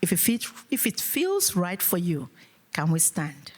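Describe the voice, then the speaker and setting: A woman's voice: fairly low pitch, wildly swooping pitch, unhurried, husky. A woman from Africa giving a rousing motivational keynote speech to a live audience in an event hall, with a preacher-like call and response. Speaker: motivational speaker.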